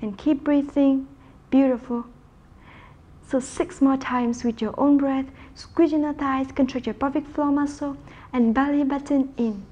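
High-pitched young woman leading a workout. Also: fairly even intonation, unhurried, mellow. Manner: encouraging, directive, calling out counts and cues. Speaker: pilates instructor. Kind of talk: guided workout instruction with counting. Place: bright room at home with wooden floor, indoors.

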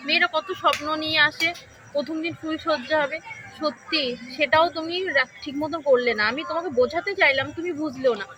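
A woman's voice: sits high, fairly even intonation, brisk, natural voice. A woman playing a frustrated new bride who scolds her naive husband in a comic sketch. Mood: exasperated. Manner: exasperated, scolding. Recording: distant mic, faint noise.

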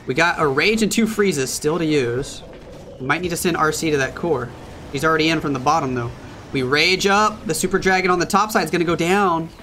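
A man casting a competitive mobile strategy match as solo play-by-play commentary, reacting quickly and excitably. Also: fairly high pitch. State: hiccups. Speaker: esports caster.

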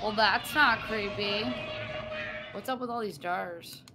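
Slow-paced young woman casually streaming a game. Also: medium pitch, very noisy. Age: young adult. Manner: informal, slangy, talking to herself. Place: small indoor streaming setup. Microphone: streaming microphone close up, headphones on.

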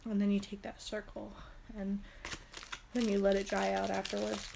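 A young woman beauty vlogger with a head cold and stuffy nose rambles casually through a product haul, chatty and full of fillers. Her medium-pitched, gravelly voice stays monotone at a normal speed. She's in a small room, recorded on a phone camera held close, with a noisy background.

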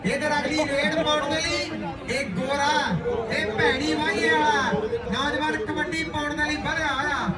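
A man's voice: extremely high pitch, flat delivery, moderate pace. A man with a Punjabi accent giving running rural sports commentary on a kabaddi match, with bits of recited verse. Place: outdoor sports ground. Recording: echoey outdoor PA, distant, crowd noise.

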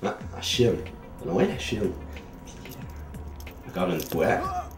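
A man's voice: sits low, wildly swooping pitch, takes it slowly, music in the background. A young man with a Quebec French accent, playing a boastful self-made urban bowling champion in a mockumentary interview. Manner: boastful, cocky, rambling. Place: outdoors in a city plaza.

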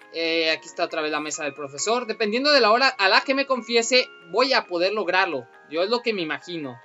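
Bright-voiced man playing a game. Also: high-pitched, lo-fi sound. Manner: thinking aloud, bursts into excited outcries. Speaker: gameplay commentator. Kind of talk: let's play commentary.

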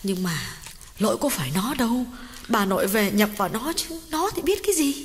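A woman's voice: mid-range voice, animated, moderate pace, pushed and bright. A woman voicing a frightened, grieving young mother in an audiobook ghost story, pleading and wailing. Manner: wailing, pleading, breaking into sobs. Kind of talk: audiobook character reading. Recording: long hall reverb, music underneath.

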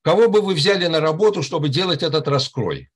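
A man's voice: fairly high pitch, animated, brisk. A man in his eighties on a video call from home, rambling with many restarts and hesitations. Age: 80s. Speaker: club member commenting. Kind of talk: casual chat on a video call. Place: room at home. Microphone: webcam on a video call.

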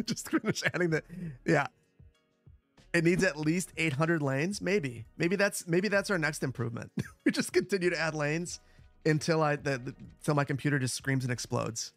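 A man with a boomy, bass-heavy sound on a close broadcast microphone, chatting casually and repeating short phrases as he hosts a gaming livestream. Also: normal speed, no room sound, soft background music. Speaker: livestream host, gamer. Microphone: close broadcast dynamic microphone.

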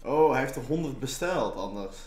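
A man's voice: mid-range voice, animated, normal speed, a little mellow. A man chatting casually with slangy banter. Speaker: co-host chatting along. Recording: roomy echo, faint background noise.

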